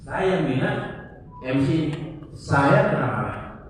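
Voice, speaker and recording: A man with a somewhat high voice lectures on event protocol and acts out his examples as he goes. He is picked up from far off in a large, strongly reverberant hall. A faint murmur of room sound sits underneath. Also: animated, slow pace, slight background noise. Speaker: protocol trainer. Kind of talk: workshop lecture to an audience. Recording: echoey hall, distant mic.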